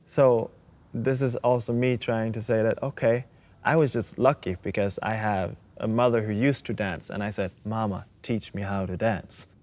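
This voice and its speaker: A man's voice: on the low side, steady tone, normal speed, a little mellow. A man from Greenland who founded a dance school, speaking earnestly in an interview.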